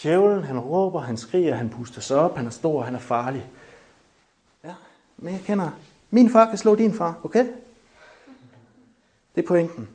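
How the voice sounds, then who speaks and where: A man preaching a lively sermon, joking with the congregation and shouting to drive points home. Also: fairly high pitch.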